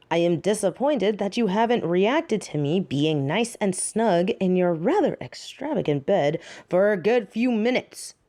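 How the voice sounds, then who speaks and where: A woman plays a teasing, seductive catgirl thief for a roleplay audio drama, drawing out words playfully in a coy manner. Her voice is lowish and mellow.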